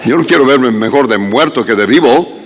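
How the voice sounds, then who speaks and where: A man, a pastor, preaching an animated, humorous sermon full of rhetorical questions and joking asides in a church. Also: mid-range voice, moderate pace. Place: church sanctuary at a conference. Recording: long reverb of a large church hall.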